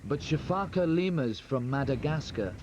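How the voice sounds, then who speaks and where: A man reading scripted nature documentary narration in a measured, explanatory way, heard from a worn VHS tape copy. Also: on the high side, expressive, noisy background. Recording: dull lo-fi tape with loud music behind. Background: loud music score.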